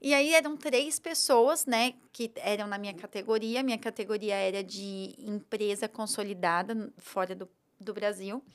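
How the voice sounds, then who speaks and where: A Brazilian woman with a Brazilian Portuguese accent, a podcast guest telling her story in an animated, emotional way and quoting her own thoughts aloud. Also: mid-range voice, moderate pace, few pauses, clean tone.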